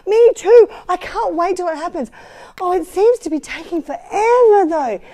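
A woman doing breathless, squealing excited disciples. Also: normal speed. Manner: high gasping, breathless excitement. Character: excited eager disciples, a group of friends.

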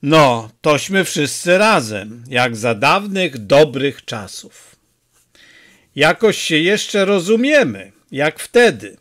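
A gruff, blustering mayor of a small village, as a man puts him on in a storybook reading, barking out his words with impatience. His voice sits fairly high and swings widely, and he speaks slowly and deliberately. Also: very animated, a bit bright, heavily acted. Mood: nostalgic.

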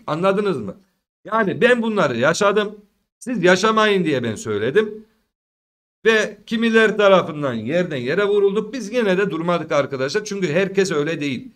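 A man's voice: sits high, fairly bright tone. A young man talking to his viewers about markets in an earnest, preachy way, addressing them as friends. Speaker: crypto market commentator. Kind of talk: casual talk to viewers.

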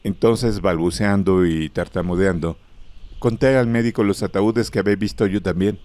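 A man narrating a horror story in a grave, measured way, close to the microphone. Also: sits low, fairly even intonation, darkish tone, dry recording.

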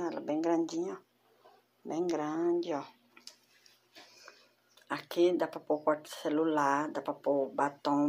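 A woman with a low-pitched voice talks casually to her viewers, showing off handmade crochet pieces one by one. Her tone is chatty and familiar. She speaks from a room at home. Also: breathy edge. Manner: chatty, addresses viewers as girls. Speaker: crochet vlogger. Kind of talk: casual show-and-tell. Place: home room with door closed.

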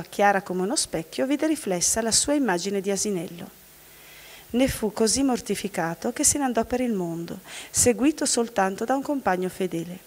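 A woman from the audience reading a fairy tale aloud in a steady storytelling manner. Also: medium pitch. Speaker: volunteer reader from the audience. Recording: long hall reverb.

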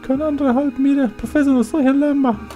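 A fussy professor, voiced by a man who scolds in a high, clipped voice. It sits far above the performer's usual pitch. Faint music plays behind. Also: fairly even intonation, quick pace, mellow. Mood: scolding. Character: stern, fussy male professor.

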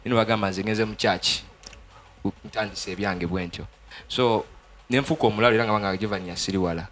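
A man's voice: lowish voice, steady tone, fairly bright tone, a little hiss or hum. A young Ugandan man with a Ugandan accent, a gospel musician giving his testimony in a TV studio interview on a handheld mic, earnest and switching between Luganda and English. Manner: earnest, fast-talking, mixes Luganda and English.

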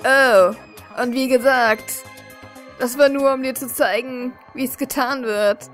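A woman's voice: high voice, steady tone, slow pace, soft background music. A woman voicing a pushy young fortune teller. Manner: loud, pushy salesman patter. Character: greedy laid-back male student fortune teller. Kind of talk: dubbed reading of game dialogue.

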